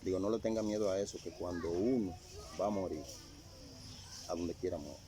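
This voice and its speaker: An older man recounting a personal testimony in casual storytelling, halting and repeating phrases as he remembers. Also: low-pitched, warm tone, a little hiss or hum. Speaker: interviewee sharing a testimony.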